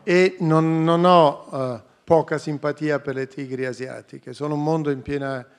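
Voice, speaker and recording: A man's voice: on the high side, fairly even intonation, a little slow, clean tone. A man as a radio interview guest, answering earnestly and listing his points one after another. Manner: earnest, lists ideas in a row.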